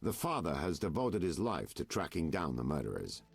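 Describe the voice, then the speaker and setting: An actor playing a world-weary private detective in a video game, with a theatrical, insinuating noir delivery. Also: male voice, a bass voice, big pitch swings, moderate pace, gravelly, husky, faint music behind, full character voice. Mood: grim storytelling. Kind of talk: video game dialogue acting.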